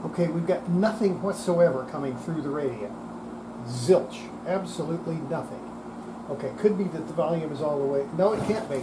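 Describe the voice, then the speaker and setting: A plainspoken person with a medium-pitched voice demonstrates a repair, offering casual hands-on commentary and thinking aloud while working at a moderate pace. A steady room hum is clearly audible behind the voice.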